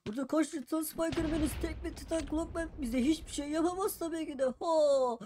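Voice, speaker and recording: A man's voice: very high-pitched, a little fast, warm tone, a little hiss or hum, voice pushed up. A man voicing a menacing gang of male Titan Spider-Man robots in a game role-play, bossy and taunting. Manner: bossy threats, chasing.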